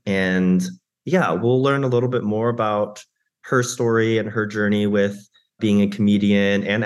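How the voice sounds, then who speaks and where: A man hosting a podcast, introducing his guest and reading her bio in a relaxed, filler-heavy way. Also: lowish voice, clear, resonant tone. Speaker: podcast host.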